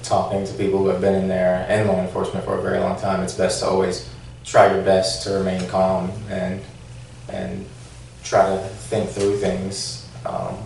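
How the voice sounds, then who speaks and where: A man's voice: low-pitched, completely flat delivery, normal speed, creaky, a little mellow. A man, a former police officer, answering questions at a formal hearing, hesitant, with many fillers and restarts. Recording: echoey room, distant mic, faint noise.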